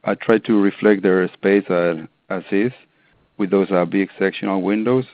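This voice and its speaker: Deep-voiced man from Argentina, hesitant. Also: fairly even intonation, normal speed. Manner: hesitant, with many ums and restarts. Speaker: interior designer guest. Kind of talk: casual interview answers. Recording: tinny phone-line audio.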